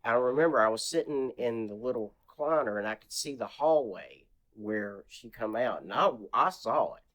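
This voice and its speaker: A man's voice: mid-range voice, normal speed, few pauses. A man with a mid-range voice tells a long personal story as a podcast guest. He rambles, backs up and restarts often. When he quotes anyone, his voice rises sharply. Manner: animated retelling, acts out quotes in a raised voice; rambling, many restarts and fillers. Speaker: interview guest. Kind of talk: casual storytelling.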